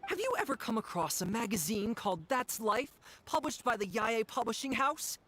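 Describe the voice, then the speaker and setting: Zealous, preachy fan-club leader. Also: female voice, fairly high pitch, very animated, moderate pace, fairly bright tone, faint music behind, rough recording. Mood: coaxing. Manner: preachy and rousing, like a sermon. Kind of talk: video game voice acting.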